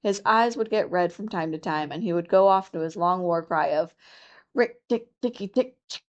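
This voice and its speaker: Field: audiobook. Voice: woman reading aloud, low and calm. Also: fairly quick, highs cut off. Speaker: library storyteller. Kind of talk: audiobook reading of a children's classic.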